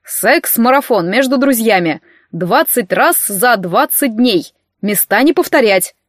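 A woman's voice: on the high side, big pitch swings, moderate pace, no echo, studio quality. A woman reading the part of a smug young man who plays judge among friends, speaking in a pompous, sententious way.

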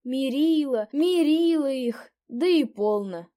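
A woman's voice: high voice, animated, mellow, voice pushed up. A woman reading a story aloud, voicing a fussy, gossiping old peasant innkeeper woman. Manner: fussy, fawning, quick to exclaim. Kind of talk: audiobook character voice.

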